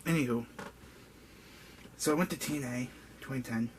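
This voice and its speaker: A man's voice: medium pitch, moderate pace. A man in his twenties casually rambling through a personal story in a vlog, full of "like" and "um". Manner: rambling, with many "like" and "um" fillers. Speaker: vlogger. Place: indoor room with a buzzing bug. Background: faint background noise and a buzzing bug.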